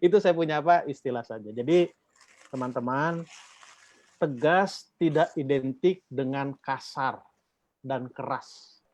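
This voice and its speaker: A man's voice: medium pitch, measured pace, pauses often, darkish tone, no echo. A man from the Batak region giving an informal talk to a church group, rambling with fillers and asking questions for the group to finish. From Batak, North Sumatra. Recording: dull, dry lo-fi recording.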